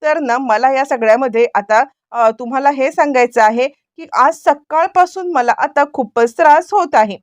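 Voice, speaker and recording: A woman's voice: sits high, normal speed, few pauses, no room sound, close to an everyday voice. A woman reading the lines of a worried, hesitant young wife in her serial retelling. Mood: anxious. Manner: hesitant, pleading.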